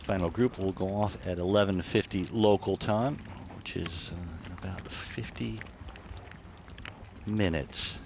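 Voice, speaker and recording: A man's voice: low voice, steady tone, unhurried, vocal fry, a little mellow, a little hiss or hum. A man working as a golf commentator, giving live, conversational commentary.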